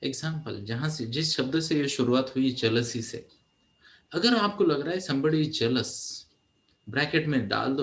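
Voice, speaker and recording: A man counselling an audience in a motivational talk, conversational and animated, often checking in with his listeners. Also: a little high, echoey room. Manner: conversational, animated, asks "है ना?" often, mixes in English.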